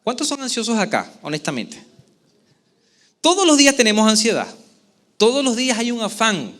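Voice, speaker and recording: A man preaching a sermon as pastor to a church congregation, with expressive delivery and frequent questions to the listeners. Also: extremely high pitch, normal speed. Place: church service before a congregation.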